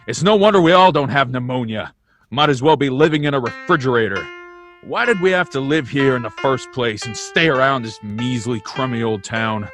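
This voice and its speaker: A man playing George, a bitter, desperate family man at his wits' end, agitated and halting in an old-time radio play. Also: mid-range voice, lively intonation, fairly bright tone, faint music behind, close to an everyday voice. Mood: bitter, irritated.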